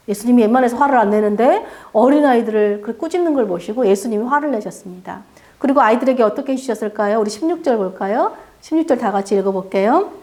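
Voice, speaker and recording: A woman's voice: on the high side, dark tone. A woman pastor preaching a sermon in a church, asking the congregation questions and acting out quoted voices. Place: church sanctuary.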